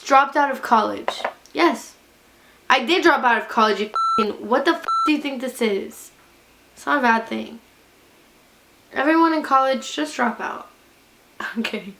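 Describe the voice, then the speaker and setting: A young woman with a high voice that breaks into gravelly fry, rambling tipsily and giggly to her viewers. She is blunt and sweary, talking in loose, casual slang as she goes. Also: lively intonation, unhurried, pauses often, background noise. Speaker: beauty vlogger. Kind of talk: casual, rambling chat to camera.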